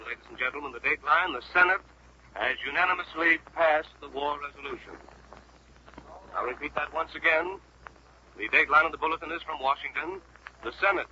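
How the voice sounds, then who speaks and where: A man's voice: on the high side, bright, forceful tone. A man reading a formal news bulletin as a radio announcer, heard on an old 1940s radio broadcast. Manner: crisp, emphatic announcer delivery. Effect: old 1940s radio broadcast sound. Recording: muffled lo-fi archival radio with faint hiss.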